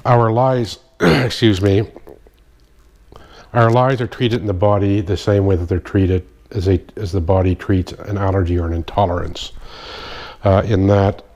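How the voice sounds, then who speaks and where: A man's voice: low voice, fairly even intonation, measured pace, darkish tone. A man with a stuffy, nasal voice from a sinus infection, explaining a technique in a casual demonstration and often stopping to correct himself. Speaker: kinesiology practitioner. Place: indoor room at night, dim light. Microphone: phone.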